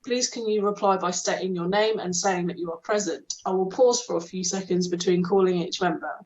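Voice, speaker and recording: A woman's voice: fairly low pitch, fairly quick, a little mellow. A woman chairing a formal committee meeting over a video call, reading out the procedure with the odd hesitant um. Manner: reads procedure aloud with hesitant ums. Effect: heard over a video call. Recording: dull lo-fi video call audio.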